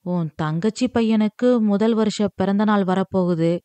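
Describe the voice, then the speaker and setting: A woman's voice: mid-range voice, measured pace, warm tone, smooth, dry recording, natural voice. A woman voicing an older widowed mother who scolds her son in a wounded, reproachful way. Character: older widowed mother demanding lavish gifts.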